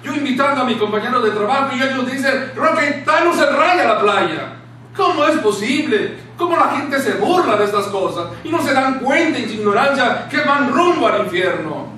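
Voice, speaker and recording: A man preaching a sermon in a small church room, impassioned, dropping to a hushed tone when he quotes scripture. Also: very high-pitched, lively intonation, normal speed. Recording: very echoey room, distant mic, faint hiss.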